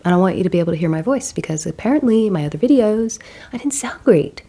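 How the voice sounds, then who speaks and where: A stay-at-home mom vlogging casually, sounding nasal from a cold, chatty and self-deprecating with rambling asides, holding a handheld mic at home. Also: female voice, mid-range voice, expressive, quick pace, warm tone, husky. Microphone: handheld microphone.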